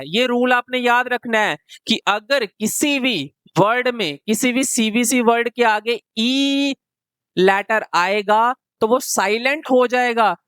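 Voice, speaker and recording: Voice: medium pitch, a bit bright, clear, resonant tone, no echo. Patient phonics teacher, dry close recording. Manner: slow, question-and-answer explaining. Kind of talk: classroom phonics lesson.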